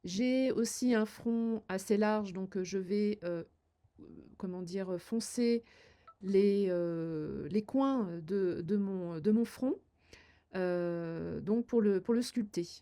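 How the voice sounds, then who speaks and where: An older beauty vlogger with a dark-toned, mid-range voice speaks slowly while applying her makeup on camera. Her guidance is amiable but halting, crowded with fillers.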